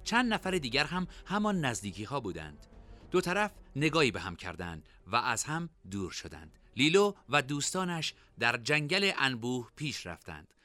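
A man narrating a story in an expressive, lively reading. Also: mid-range voice, faint music behind.

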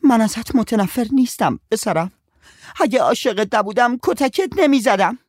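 A man's voice: very high-pitched, lively intonation, no echo, clean studio sound, pitched above the performer's own voice. A man voicing a fierce middle-aged country aunt who scolds urgently, in a storybook reading. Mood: tearful.

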